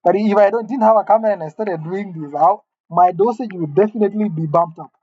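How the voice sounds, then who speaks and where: A high-pitched, fast-talking male vlogger in his late twenties muses alone to the camera in an empty room, wry and rambling as he pokes fun at himself. The audio sounds narrow and tinny.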